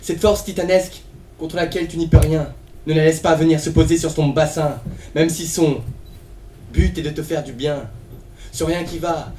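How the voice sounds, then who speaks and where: A man's voice: on the high side, fairly even intonation, moderate pace, slight background noise. Man declaiming slam from a distant stage. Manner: forceful declamation, repeated commands. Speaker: slam poet. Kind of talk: intense slam poetry performance. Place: theatre stage. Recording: roomy stage sound from far off.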